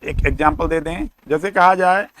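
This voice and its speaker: A man with an Indian accent giving a classroom lecture, explaining slowly, repeating and sounding out words. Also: on the high side, a bit bright, no echo. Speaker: teacher.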